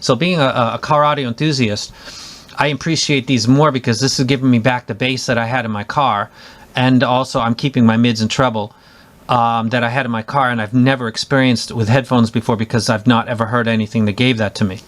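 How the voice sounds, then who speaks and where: A man's voice: medium pitch, steady tone, fairly quick, a bit bright. Rambling enthusiastic man reviewing headphones. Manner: rambling with frequent restarts and fillers. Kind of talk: casual spoken review.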